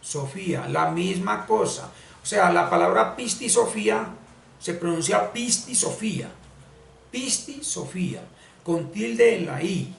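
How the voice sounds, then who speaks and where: A man teaching spiritual ideas in an explanatory lesson, talking slowly and deliberately and repeating words for emphasis. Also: sits high, gravelly, a bit bright. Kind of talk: explanatory screen-share lesson. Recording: echoey room, distant mic, faint hiss.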